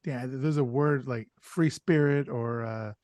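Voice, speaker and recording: Male host, mid pitch, dry close sound, rambling and restarting. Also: measured pace, a little mellow, no echo. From Chicago, US. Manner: rambling, stumbles and restarts often. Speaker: podcast host. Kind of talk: casual podcast interview.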